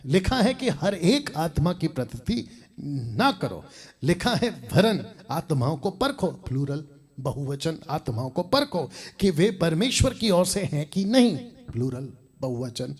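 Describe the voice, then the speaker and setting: A man preaching in a scornful, combative way. His voice is husky and sits a little high, with a lively, swooping delivery as he mocks and scolds. He laughs between his points. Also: slow pace. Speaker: pastor and Bible teacher.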